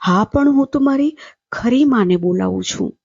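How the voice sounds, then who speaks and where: A woman's voice: on the high side, expressive, normal speed, vocal fry, darkish tone, husky, dry recording, highs cut off, pitched above the performer's own voice, heavily acted. A woman voicing a feverish little boy who calls out plaintively for his dead mother in a read-aloud storybook.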